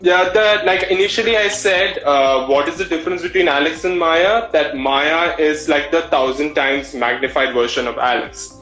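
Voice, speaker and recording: A man's voice: a little high, normal speed, few pauses, sharp tone. A man in his thirties with a Malayali Indian English accent, talking expressively and conversationally as an interview guest. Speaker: interview guest, drag performer. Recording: roomy echo with background music.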